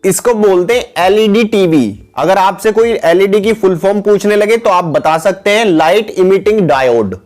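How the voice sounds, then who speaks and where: A man teaching English words for household items in a steady, repetitive voice-over, calling his viewers guys. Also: high voice, normal speed, hardly any pauses. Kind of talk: vocabulary lesson voice-over with pictures.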